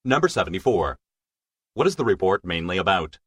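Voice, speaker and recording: A man reading scripted exam narration as a test narrator, in a formal, measured way. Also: low-pitched, sing-song, slightly rough, no echo, clean studio sound.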